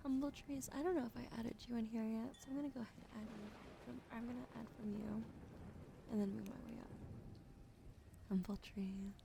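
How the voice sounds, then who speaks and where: Against a steady background hiss, a woman on the high side of the pitch range whispers gently through a slow, soothing ASMR stream. She greets and thanks the people in her chat, and her voice has a light vocal fry.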